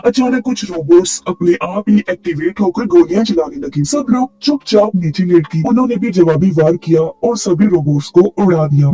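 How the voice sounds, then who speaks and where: A man narrating a film recap in steady, scripted storytelling. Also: high-pitched.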